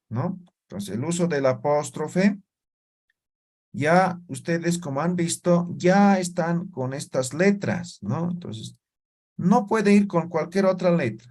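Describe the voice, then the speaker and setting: Man, teacher, unhurried classroom talk, sounds out syllables. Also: a little high, a little mellow. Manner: slow, checks in with "¿no ve?" and "¿ya?". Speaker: language teacher. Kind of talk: classroom lesson.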